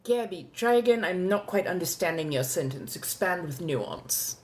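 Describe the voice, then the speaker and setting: A woman's voice: fairly low pitch, lively intonation, natural voice. A woman playing an ancient, genteel female vampire with a posh colonial accent, speaking formally and courteously as she chats live in character. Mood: poised, amused. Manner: refined, formal, old-fashioned wording, drawn-out deliberate phrasing. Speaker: livestream host answering viewer questions. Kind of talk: in-character live question-and-answer chat.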